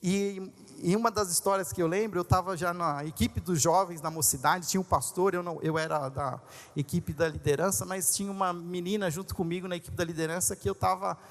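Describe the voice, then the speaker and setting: A man pastor telling a personal story in a sermon, animated and conversational, with asides to the crowd. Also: high voice, brisk. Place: large congress hall. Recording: long reverb of a large hall.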